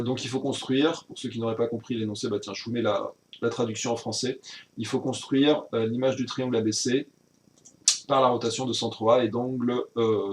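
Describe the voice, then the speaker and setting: A man's voice: fairly low pitch, a little hiss or hum. A man teaching a recorded virtual class recap, explaining step by step with frequent hesitations and self-corrections.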